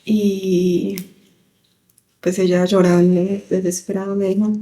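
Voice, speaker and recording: A woman, softly recounting a painful memory in an interview, halting as she goes. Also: mid-range voice, little pitch movement. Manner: halting, soft-spoken recounting. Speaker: victim's daughter. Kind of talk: interview testimony. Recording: roomy echoing room.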